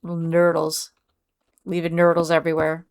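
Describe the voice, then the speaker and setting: A woman's voice: deep voice, completely flat delivery, normal speed, a little hiss or hum. A woman streamer chatting casually with her viewers, reading out and answering chat messages. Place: home.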